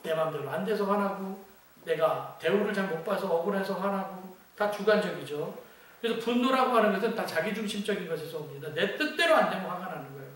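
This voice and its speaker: A man's voice: high voice, expressive, quick pace, fairly bright tone. A male pastor preaching a midweek sermon in a conversational style, asking many rhetorical questions. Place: church sanctuary. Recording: very echoey church hall, distant mic.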